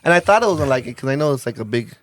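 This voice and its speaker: A man's voice: mid-range voice, animated, very fast, fairly bright tone, no room sound. A married man co-hosting a podcast, chatting casually and rambling with many "like"s and restarts. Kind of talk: casual chat.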